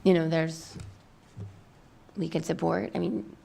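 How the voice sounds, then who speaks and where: A woman's voice: low-pitched, steady tone, takes it slowly, creaky, dark tone, a little hiss or hum. A woman chairing a school committee meeting, losing her voice, laughing often and using casual fillers. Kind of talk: meeting discussion.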